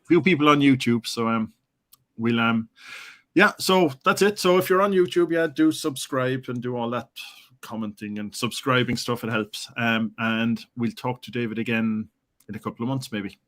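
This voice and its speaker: A man's voice: mid-range voice, normal speed, fairly bright tone. A man hosting a casual live-streamed interview, friendly and hesitant, with many ums. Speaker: podcast host.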